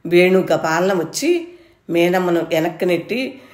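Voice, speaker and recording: A woman reading her own short story aloud in a measured, expressive storytelling style. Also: on the low side, roomy sound. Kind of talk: storytelling narration.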